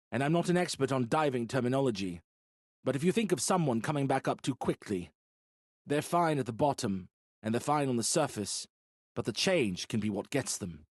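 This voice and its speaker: Man doing a calm, steady expedition leader. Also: mid-range voice, no room sound, studio quality, natural voice. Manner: steady, explanatory, earnest.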